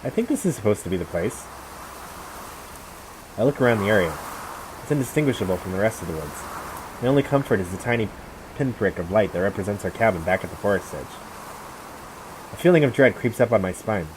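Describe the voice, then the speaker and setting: A man's voice: fairly low pitch, animated, a little fast, long pauses, background noise. A man hosting a let's play of a visual novel, reading the story aloud dramatically and adding joking asides. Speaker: gaming channel host.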